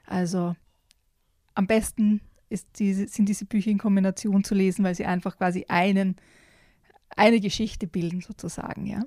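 Woman, children's book reviewer, casual chat, enthusiastic, frequent fillers, mellow tone, dry close sound. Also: medium pitch, fairly even intonation, normal speed, no echo.

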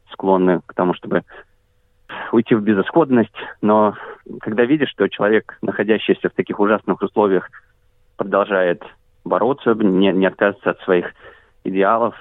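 A man interviewed as an activist coordinator, answering in a measured way with frequent hesitation sounds. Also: low-pitched, gravelly, dry recording. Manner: measured, frequent filler sounds, careful listing. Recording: dry tinny phone-like line.

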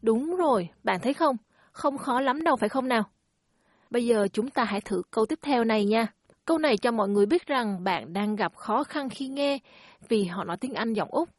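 A woman leads a language lesson in a friendly, encouraging teacher's voice. Her tone sits a little high and slightly husky. The recording is close and dry, with no room sound. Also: animated, a little fast, no room sound. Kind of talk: scripted lesson narration.

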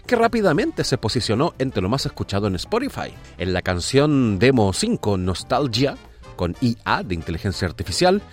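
Male host of a weird-news slot, playful asides, very animated pitch, light music bed. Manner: jokey asides, lively delivery. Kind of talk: humorous news radio segment.

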